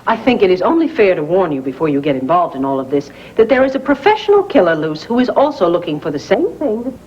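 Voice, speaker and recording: A sharp, worried partner who fires off questions in quick, lively bursts. Her voice rises and falls widely, pointed in every line. It all comes off an old VHS tape, muffled with faint hiss. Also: lowish voice. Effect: old VHS tape transfer. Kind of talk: 1980s daytime soap acting.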